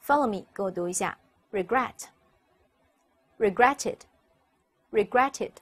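Husky-voiced woman teaching vocabulary. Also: medium pitch, slow. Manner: explaining step by step, repeating words for students to follow. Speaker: English teacher. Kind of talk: recorded vocabulary lesson.

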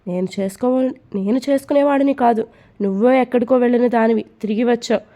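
A cold, controlling young husband in a read-aloud romance story, curt and commanding, as a woman puts him on. The voice is fairly high and mellow, with a warm, soft tone. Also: a little fast, creaky. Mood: stern.

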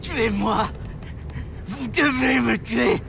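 Desperate game villager, frantic strained shouting, super high, echoey. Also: male voice, very slow, gravelly, exaggerated voice. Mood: frightened, pleading. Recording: echoey, loud game music behind.

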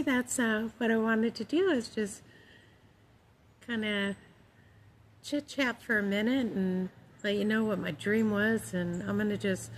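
A middle-aged woman talks in a calm, gentle manner at a medium pitch. She chats casually and devotionally, taking her time. The phone recording is made outdoors, with faint ambient noise behind her. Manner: calm, gentle, unhurried delivery. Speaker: vlogger sharing her faith. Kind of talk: casual devotional chat to camera. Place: outdoors in a park among trees. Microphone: phone at arm's length.

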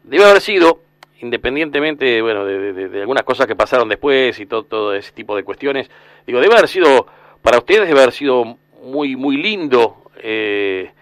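Argentine man, radio sports host, mid pitch, dry close sound, loose rambling questions. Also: lively intonation, a little fast, a bit bright, no room sound. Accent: Rioplatense Spanish. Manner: rambling questions with many restarts. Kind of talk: casual radio interview.

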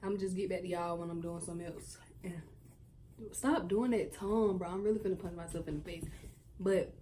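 A woman's voice: fairly low pitch, fairly even intonation, a little fast, warm tone, slight background noise. A young woman in her late teens, chatting casually to her viewers at home in a slangy, direct way. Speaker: vlogger. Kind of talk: casual vlog chat.

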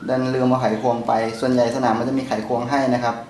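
A man hosting a gun channel, talking in a relaxed way as he shows how to take a rifle apart and put it back together, with pauses and fillers while his hands are busy. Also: medium pitch. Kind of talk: hands-on gun maintenance demo. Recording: roomy sound with faint background noise.

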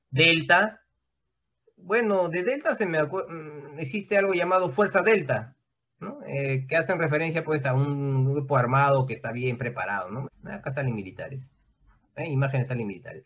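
A man with a fairly high voice teaches a class over a video call. He explains at length in a loose, conversational way and keeps checking in with his students. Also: a bit bright, lo-fi sound. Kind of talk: online class lecture.

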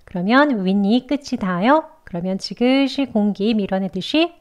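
A woman teaching English pronunciation, explaining mouth and tongue positions clearly and patiently, step by step. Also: medium pitch, normal speed, darkish tone. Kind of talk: instructional lesson narration.

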